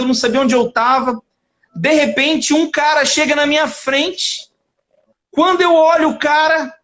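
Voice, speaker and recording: Man, guest testimony, high voice, lively storyteller who acts out the dialogue. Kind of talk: emotional faith testimony in a live conversation.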